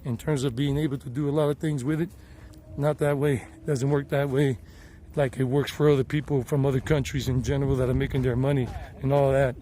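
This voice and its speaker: American man in his thirties, rambling casual vlogger, mellow tone, outdoor camera audio with faint ambience. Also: medium pitch, little pitch movement, a little fast, a little hiss or hum. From United States. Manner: chatty and rambling, with frequent restarts. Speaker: vlogger and tour guide. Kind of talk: casual hiking vlog. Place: outdoors on a hilltop trail near a highway. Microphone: handheld camera.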